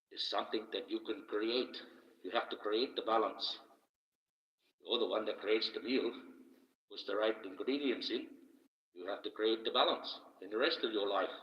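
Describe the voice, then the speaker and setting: A man from Australia speaks in a low, unhurried, musing way, his voice washed in a dreamy, distant echo. The long reverb makes it sound ethereal and far away. The sound is dull and lo-fi. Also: fairly bright tone. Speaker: livestream host playing an archangel persona. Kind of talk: casual livestream advice and chat with viewers.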